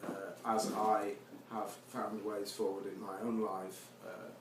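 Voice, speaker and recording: Gravelly, fairly low and flat, this man's voice moves unhurriedly as he reads his own poetry live. Between poems he offers casual introductions laced with self-deprecating, wry humour, in a venue with seated listeners recorded from a distance amid echo and noise.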